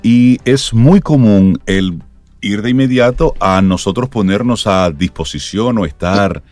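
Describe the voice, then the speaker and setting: A fairly low-voiced man speaks as a co-host, drawing the conversation together into a short summary. The sound is dry and close to the mic, with faint music behind him. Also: animated, unhurried, a little mellow, no room sound. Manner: sums up and wraps segments. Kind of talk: casual talk show chat.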